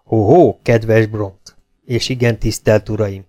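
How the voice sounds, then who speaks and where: A man's voice: lowish voice, fairly even intonation, mellow, lightly acted. A man reading a blunt legion captain. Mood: frank. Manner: blunt, lecturing. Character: brash cheerful male legion captain.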